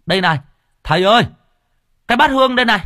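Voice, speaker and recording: A cursing rough diver. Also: male voice, very high voice, lively intonation, racing, pitched above the performer's own voice, full character voice. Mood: irritated. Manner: cursing, loud and coarse. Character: rough, foul-mouthed male diver.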